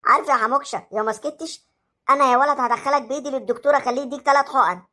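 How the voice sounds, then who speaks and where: A woman voicing a stern female schoolteacher who scolds a pupil and repeats her warnings in a gruff voice. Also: high voice, racing, sharp tone, pitched below the performer's own voice. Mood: scolding. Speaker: teacher.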